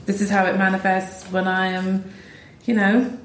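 A woman's voice: medium pitch, level tone, normal speed, a little hiss or hum. A woman composer talking thoughtfully in a conversation, with frequent ums and restarts. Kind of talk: reflective conversation. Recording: roomy echo.

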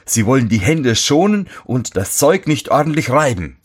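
Reading a fairy tale, a man voices a fussy, irritable old master shoemaker who scolds everyone nearby. His medium-pitched voice is pushed above his own, very animated, unhurried and breathy, full of indignant scolding and shouted complaints.

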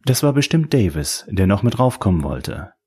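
A man narrating an audiobook in a wry, measured storytelling manner. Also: on the low side, very animated, dark tone, breathy edge.

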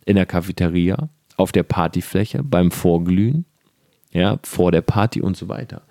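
A man's voice: low-pitched, normal speed, mellow, no room sound, studio quality. A young man talking earnestly and directly to the listener in a casual motivational monologue, with fillers and the odd swear word.

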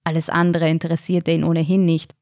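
A woman reading a story aloud in a measured, calm storytelling manner. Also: sits low, no room sound, studio quality. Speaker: narrator. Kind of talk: audiobook narration.

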